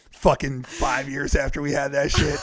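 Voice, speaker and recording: A man's voice: medium pitch, level tone, measured pace, fairly bright tone. A man in his thirties chatting casually as a podcast co-host, blunt and profane, laughing often. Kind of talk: casual chat.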